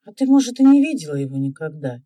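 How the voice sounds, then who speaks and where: A woman voicing an anxious young boy from the neighbourhood, speaking in a hurried, pleading way. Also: deep voice, big pitch swings, mellow, pitched below the performer's own voice.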